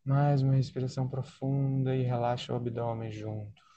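A man with a Brazilian accent leading a guided body-scan relaxation in a soothing, unhurried way, leaving long pauses between short phrases. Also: mid-range voice, fairly even intonation, dark tone, muffled recording. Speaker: guided meditation leader.

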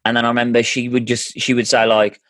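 A man's voice: medium pitch, completely flat delivery, fast, fairly bright tone, no echo, studio quality. A man in his thirties hosting a casual family chat, earnest and often restarting his sentences. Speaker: podcast host.

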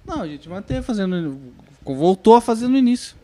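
Male co-host with inland São Paulo Brazilian accent, casual delivery, quick and animated. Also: high-pitched. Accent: Brazilian Portuguese, São Paulo interior. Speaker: podcast co-host. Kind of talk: casual chat.

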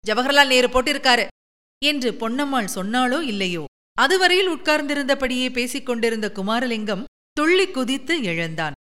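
A woman narrating a novel aloud in an expressive storytelling manner. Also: high-pitched, moderate pace. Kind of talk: audiobook novel reading.

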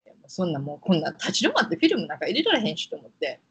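A woman with a Kansai accent co-hosting a casual podcast chat, telling stories in an expressive, emphatic way with lots of giggles. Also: on the low side, rapid-fire, breathy edge. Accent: Kansai Japanese. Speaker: podcast co-host.

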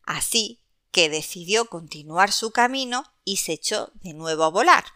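A woman narrating a children's story expressively, addressing young listeners in an animated way. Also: on the low side, moderate pace, dry recording, clean studio sound.

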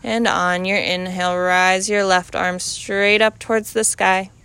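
A woman instructing a guided yoga class, calmly cueing breath and movement in short, measured, unhurried phrases. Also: mid-range voice, clean tone, no echo.

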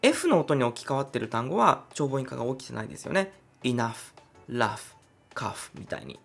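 A man hosting his own podcast, talking through an idea one step at a time in a chatty, easygoing way. His voice is a little breathy, and his pitch moves around a lot as he speaks. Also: very animated, moderate pace, a bit bright, soft background music. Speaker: podcast host. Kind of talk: solo podcast explainer.

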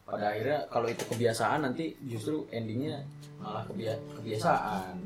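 A man joining a casual group chat, teasing the others with quick wisecracks. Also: medium pitch. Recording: music playing behind.

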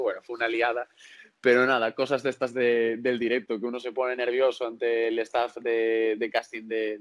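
A young man, a singer guest on a podcast. His voice has a middle pitch, and he talks in halting bursts, repeating words and laughing often. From Galicia, Spain. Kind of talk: podcast interview.

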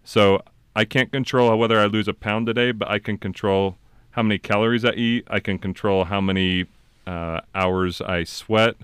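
A man hosting a casual podcast, talking in a smooth late-night radio DJ voice, relaxed and explaining at length. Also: on the low side, moderate pace, no room sound. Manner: relaxed, talks in long explanations with fillers and restarts. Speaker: podcast host and class instructor.

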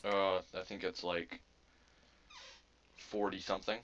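A man in a casual gaming voice chat, speaking in a halting, dry, matter-of-fact way. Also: deep voice, flat delivery, a bit bright. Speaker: gamer. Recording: dull lo-fi mic with faint hiss.

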